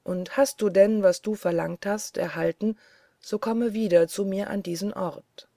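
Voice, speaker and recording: A woman reading the lines of a small, wise male glass forest spirit who gives hushed instructions. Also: medium pitch, fairly even intonation, a little slow, gravelly, no room sound, studio quality. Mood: instructing.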